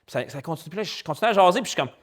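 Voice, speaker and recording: A man with a Québécois French accent, a pastor preaching a sermon in a lively, colloquial storytelling way. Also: sits high, racing. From Quebec. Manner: animated, colloquial and chatty, with spoken English slang.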